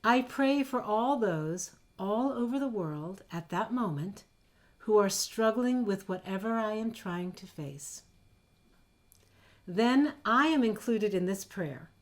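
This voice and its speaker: Give me a soft-spoken woman slowly leading a meditation at a service. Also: mid-range voice. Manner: slow, gentle and soft-spoken. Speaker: worship leader.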